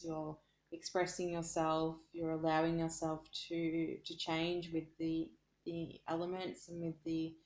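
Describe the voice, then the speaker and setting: Australian woman, card reader; low, even delivery, earnest and searching; echoey room. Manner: earnest, searching for words as she reads. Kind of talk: casual spoken card reading.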